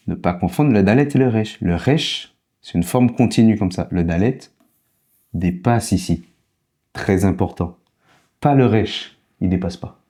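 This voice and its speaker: Male teacher, low and mellow voice, slight foreign accent, patient and repetitive. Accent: foreign accent in French. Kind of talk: casual spoken lesson.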